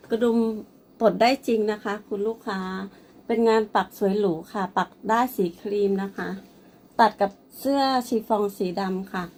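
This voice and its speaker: A woman's voice: on the high side, darkish tone, slight background noise. A woman presenting and selling a blouse, speaking politely and addressing the customer often. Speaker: online clothing seller. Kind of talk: product showcase sales pitch.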